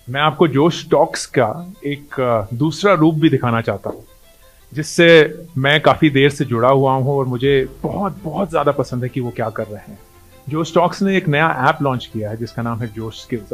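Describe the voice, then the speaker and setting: A man delivering a promotional outro talk in an earnest, persuasive way, urging listeners to try an app's courses. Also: medium pitch.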